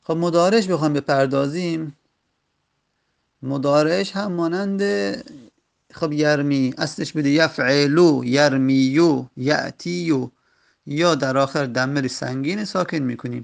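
A man with a gravelly, slightly high voice teaches a grammar lesson. He works through each rule step by step and pauses between short phrases. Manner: methodical, explains step by step with pauses.

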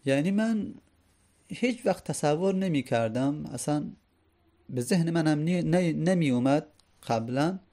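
A man's voice: on the high side, animated, mellow. A man teaching a lecture on classical poetry, explaining each verse line by line and asking his listeners rhetorical questions.

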